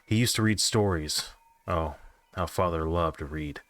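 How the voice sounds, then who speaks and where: A man reading a creepypasta as the quiet ghost of a boy, speaking softly and apologetically. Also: low voice, unhurried, dry recording, voice pushed down. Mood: eerie. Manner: soft, apologetic, creepy calm.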